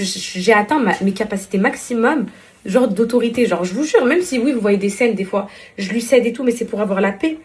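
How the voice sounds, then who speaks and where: A woman's voice: mid-range voice, darkish tone. A young woman vlogging casually to her followers, tired and rambling, with many fillers and restarts. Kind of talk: casual vlog chat to followers.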